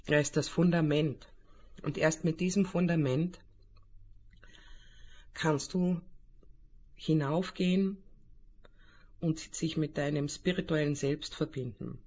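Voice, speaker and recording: A man guides a spiritual meditation in a soothing manner. His voice is husky and a little high, and he speaks very slowly, leaving long pauses between phrases. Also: lo-fi sound. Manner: calm, soothing, unhurried delivery with long pauses.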